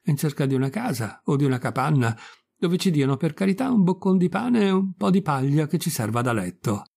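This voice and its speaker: A man's voice: a little high, very animated, brisk, vocal fry, darkish tone, husky, heavily acted. Pinocchio, an earnest puppet boy read by a man. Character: wooden puppet boy, eager and polite. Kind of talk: audiobook reading.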